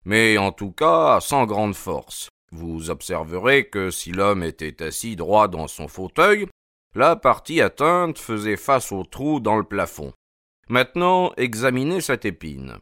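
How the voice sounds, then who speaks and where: A man voicing a cool, sharp-minded detective who speaks calmly and precisely with dry irony. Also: fairly low pitch, measured pace, no room sound, full character voice. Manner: calm, precise, dryly ironic.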